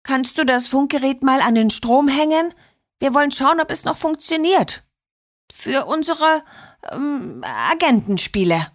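A woman voicing a curious young girl who talks excitedly, sometimes half-whispering. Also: sits high, measured pace, no room sound, clean studio sound, voice pushed up. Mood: sheepish.

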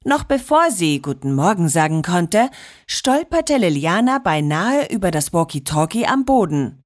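A woman narrating a children's story in a lively, expressive way. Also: lowish voice, measured pace.

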